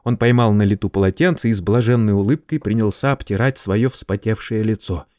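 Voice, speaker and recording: A man reading an audiobook aloud in a lively, storytelling voice. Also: lowish voice, a little fast, no room sound, studio quality. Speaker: audiobook narrator.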